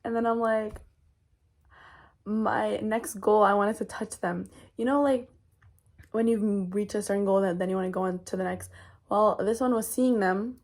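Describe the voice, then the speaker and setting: A woman's voice: medium pitch, steady tone, moderate pace, darkish tone. A young woman chatting casually in a vlog, rambling, with lots of fillers and restarts. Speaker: vlogger.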